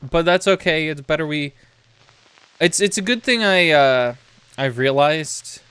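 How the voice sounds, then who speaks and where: A man streaming a video game, chatting in a rambling way full of "like" and restarts, getting loud and excited in bursts. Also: fairly high pitch, a little slow, smooth, no room sound. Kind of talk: casual live-stream chatter while gaming. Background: game music.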